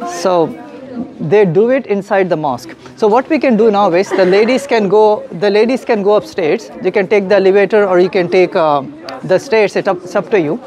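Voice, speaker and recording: A man's voice: high voice, moderate pace, a little mellow, a faint crowd. A young man explains things to a group of visitors, friendly and patient, laughing now and then. He talks into a handheld mic in a classroom. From India. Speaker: mosque guide and educator. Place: mosque hallway, then classroom.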